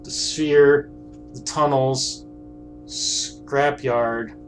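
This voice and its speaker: A man's voice: mid-range voice, steady tone, extremely slow, soft background music. A man streaming a puzzle game, thinking aloud in a chatty, unsure way as he works things out. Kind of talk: casual let's-play commentary.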